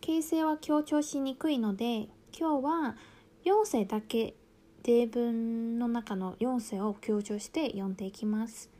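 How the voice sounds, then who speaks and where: Slow, calm woman teaching Mandarin tones. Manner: calm explanations, with words spoken slowly and stressed high. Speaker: Chinese language teacher. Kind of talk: language lesson explaining Mandarin to Japanese learners.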